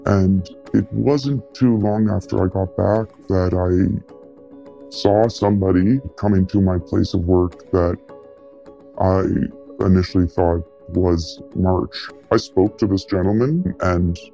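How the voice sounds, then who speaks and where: A man's slow, gravelly, dark voice, altered and pitched down to hide who he is, recalls what he saw in an interview. He's a listener giving a tip, and soft music plays behind him.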